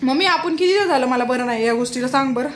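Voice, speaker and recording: A young woman with a very high voice chats playfully in a casual home vlog, teasing and laughing, a cough and cold in her voice. The room rings with echo. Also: rapid-fire, a little hiss or hum. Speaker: vlogger. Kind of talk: casual family vlog chat.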